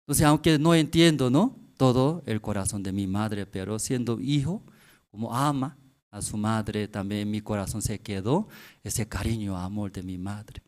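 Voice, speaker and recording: A male pastor preaching a sermon in Spanish. He tells stories with feeling, drops to soft tones, then rises to loud, emphatic bursts, and keeps asking his listeners short tag questions. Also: on the low side, moderate pace.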